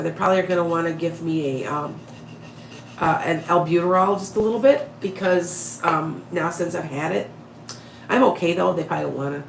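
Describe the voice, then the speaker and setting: A woman with a raspy, fairly low voice and a head cold chats casually with her followers on a live stream, speaking straight to them as a psychic medium. She's sniffly and short of breath, rambles, and keeps restarting sentences. The rough recording sounds roomy, with slight background noise.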